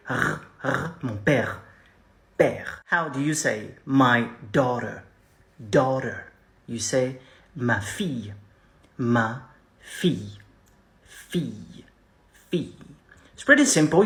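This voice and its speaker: A man teaching pronunciation, repeating each word slowly with chatty asides. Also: mid-range voice, sharp tone. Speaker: French teacher. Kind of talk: pronunciation lesson.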